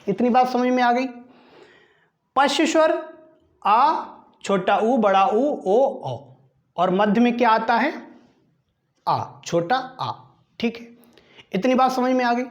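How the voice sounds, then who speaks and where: Male teacher, unhurried drilling, animated pitch, roomy echo, quiz-and-answer style. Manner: asks quiz questions and answers them himself, repeating terms; slow, deliberate drilling of each item. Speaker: Hindi grammar teacher. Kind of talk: exam-prep classroom lesson.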